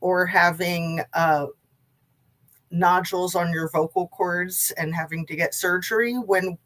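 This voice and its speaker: A woman's voice: fairly low pitch, steady tone, unhurried, a bit bright. A woman hosting a casual live true crime stream, chatting to viewers in a rambling way, her diction slightly impeded by braces and wax in her mouth.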